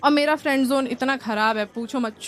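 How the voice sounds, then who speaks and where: A young woman from India, performing stand-up comedy and telling lively stories in which she acts out relatives and friends. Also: high-pitched, fairly quick, slight background noise. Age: young adult.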